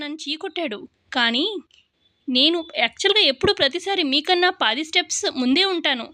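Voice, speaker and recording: A woman's voice: very high voice, sharp tone, no room sound, studio quality, voice pushed up, exaggerated voice. A woman voicing a defiant young daughter-in-law who taunts her mother-in-law. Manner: taunting, challenging.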